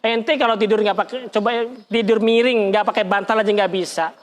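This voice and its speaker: High-pitched ustadz, teaching a lesson, super animated, keeps asking the room questions. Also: male voice, brisk. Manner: animated, colloquial, demonstrating with gestures, asks the audience questions; frequent pitch jumps and exclamations. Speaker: religious teacher. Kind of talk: lively Islamic study lesson with demonstration.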